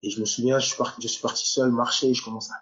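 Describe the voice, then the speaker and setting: A man's voice: medium pitch, flat delivery, very fast, a bit bright, lo-fi sound. A young man from Nigeria, a footballer, giving a personal faith testimony with many repeated words and restarts.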